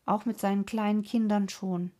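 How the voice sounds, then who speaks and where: A woman's voice: mid-range voice, fairly even intonation, moderate pace, warm tone, close to an everyday voice. A woman reading an earnest, sorrowful sister. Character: earnest, devoted sister telling a sad tale.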